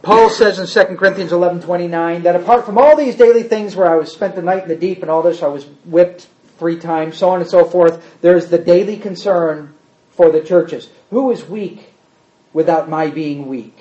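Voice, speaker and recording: A man's voice: sits high, moderate pace. A man teaching a Bible class in conversational style, acting out quotes and asking the room questions. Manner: animated, acts out quotes, asks the room questions. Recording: roomy, dull lo-fi room recording.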